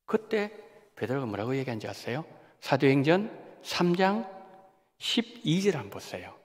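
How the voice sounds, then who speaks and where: A man preaching a Sunday sermon as senior pastor, with an animated delivery that acts out quoted voices and asks the congregation questions, in a church sanctuary. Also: mid-range voice, normal speed. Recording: long reverb of a church sanctuary.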